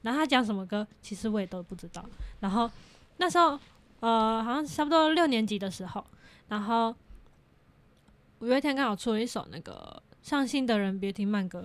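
A woman's voice: a little high, very animated, a little fast. A young woman guest on a podcast, chatting casually, giggly and teasing. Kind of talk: casual chat.

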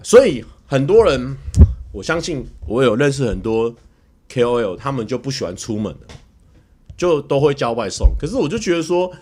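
A man with a Taiwanese Mandarin accent telling a story casually on a livestream, animated and stammering through repeated words as he acts it out. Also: medium pitch. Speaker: livestreamer and YouTuber.

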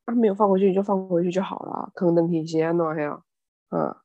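A woman's voice: on the low side, fairly even intonation, quick pace, no echo, highs cut off. A woman co-hosting a casual chat podcast, often agreeing with short replies. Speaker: podcast co-host.

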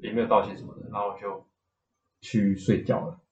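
A man's voice: lowish voice, level tone, a little fast, darkish tone, reverberant, dull audio, slight background noise. A young man, a guest on a casual podcast, telling a personal story in a rambling way, full of restarts. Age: young adult.

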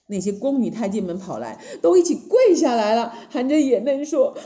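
A woman storyteller narrating a children's classic tale with lively exclamations. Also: fairly high pitch, moderate pace. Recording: muffled lo-fi recording.

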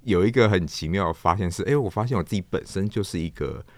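A middle-aged man with a Taiwanese accent and a deep voice speaks quickly and reflectively as an interview guest. A stage actor and storyteller, he searches for words and repeats phrases. There's no echo.

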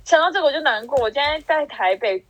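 A woman's voice: high-pitched, expressive, fast. A young woman, co-hosting a casual podcast chat, rambling with many restarts. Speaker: podcast co-host.

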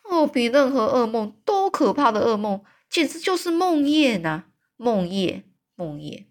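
A woman voicing a big, friendly male giant in a storybook read-aloud, with loud exclamations and wailing cries. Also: mid-range voice, expressive, moderate pace. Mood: horrified.

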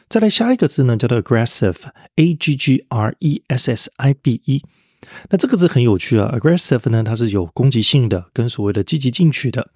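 A man's voice: medium pitch, a little mellow, no echo, studio quality. A man teaching English vocabulary in a podcast lesson, explaining word roots step by step and spelling words out letter by letter.

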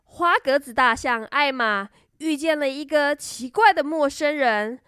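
A woman storyteller reading a children's story in a gentle, expressive way. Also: high-pitched, unhurried, no echo, studio quality.

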